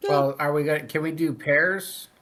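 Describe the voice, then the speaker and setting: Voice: medium pitch, fairly even intonation, moderate pace, fairly bright tone. A player in a tabletop game who talks eagerly about the match-up.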